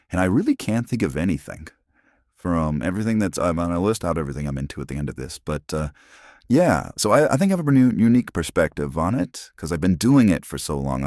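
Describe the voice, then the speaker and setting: A man's voice: a little mellow, no room sound, studio quality. A man in his forties from Arizona, talking through a voice changer, rambling casually with many restarts into a phone. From Arizona, USA. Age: 40s. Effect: voice changer, pitched very deep. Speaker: channel host.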